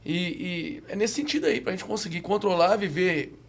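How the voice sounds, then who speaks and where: A man's voice: sits high, animated, normal speed, gravelly. A Brazilian man, a police lieutenant guest on a podcast, speaking formally and summing up points with tag questions. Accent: Brazilian Portuguese. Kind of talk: podcast conversation.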